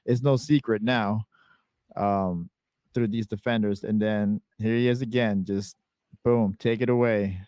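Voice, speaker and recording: Man, podcast host, casual sports chat, dry close sound, relaxed clip breakdown. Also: fairly low pitch, unhurried, no room sound. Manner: walks through game clips, relaxed and chatty.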